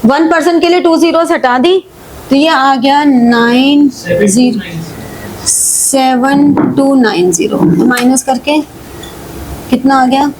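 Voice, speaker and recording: High-voiced woman teacher, slow deliberate delivery. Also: a crowd in the background, poor audio. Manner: reads question text slowly, then explains in quick Hindi-English mix; checks understanding with frequent "ठीक है" and questions. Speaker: accountancy teacher. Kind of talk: live online class, solving problems step by step.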